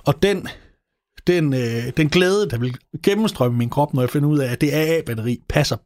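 A man's voice: on the high side, darkish tone, no room sound. A man from Denmark hosting a podcast, chatting with playful, ranting exaggeration. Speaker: podcast host. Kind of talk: comedic casual chat.

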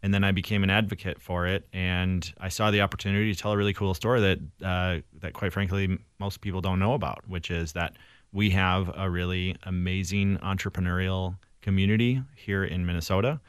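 A man's voice: low-pitched, little pitch movement, a little fast, smooth, no echo, studio quality. A man working as a filmmaker, answering in a thoughtful, casual way. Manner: thoughtful, casual, many fillers. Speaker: filmmaker guest. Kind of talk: interview answer.

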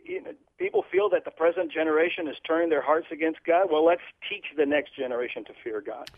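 A man's voice: a little high, sing-song, brisk, no room sound. A man from Portugal, a guest explaining his ministry earnestly in a radio interview. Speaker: guest, children's ministry leader. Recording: tinny phone line.

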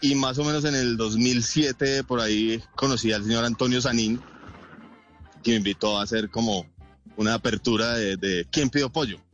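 Colombian man, comedian guest, quick punchlines, laughs a lot, faint music behind. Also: mid-range voice, fairly bright tone, lo-fi sound. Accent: Colombian Spanish. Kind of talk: casual interview chat with jokes.

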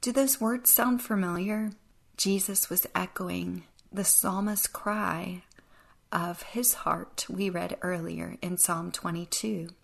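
Woman hosting a devotional podcast, gravelly voice. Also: fairly low pitch, fairly even intonation, slow. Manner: reflective, earnest, occasionally dry sarcasm. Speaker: podcast host.

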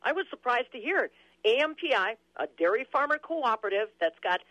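A woman's voice: on the high side, very animated, fairly quick, pushed and bright, dry recording, dull audio. An American woman giving a chatty broadcast report as a farm radio reporter.

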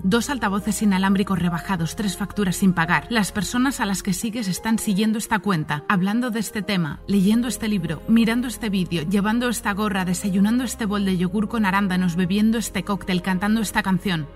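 A woman reading a scripted narration with a steady, listing rhythm. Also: mid-range voice, brisk, hardly any pauses, soft background music.

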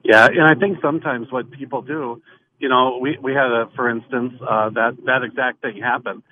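A man's voice: medium pitch, steady tone, normal speed. Man on a crackly phone line. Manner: rambling, loose, full of fillers and restarts. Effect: crackly phone line that fades in and out. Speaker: realtor calling in to a radio show. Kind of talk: casual phone-in chat. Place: outdoors in the mountains. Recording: tinny, narrow phone line.

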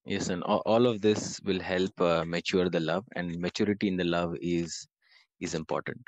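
A man's voice: deep voice, steady tone, moderate pace, no echo. A man talking casually as a podcast guest. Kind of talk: casual conversation.

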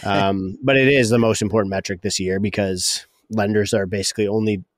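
Lowish-voiced Canadian man explaining things casually. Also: fairly even intonation, a little fast, no echo, studio quality. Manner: rambling, self-interrupting explainer. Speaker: podcast co-host, real estate broker.

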